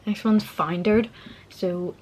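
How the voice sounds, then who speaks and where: A woman's voice: mid-range voice, steady tone, takes it slowly, loud music behind the voice. A young woman with a Northern Irish Belfast accent, chatting informally and a little giggly as she explains local words. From Northern Ireland. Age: young adult. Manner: giggly, informal, self-deprecating. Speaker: vlogger. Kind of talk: casual chat explaining local slang.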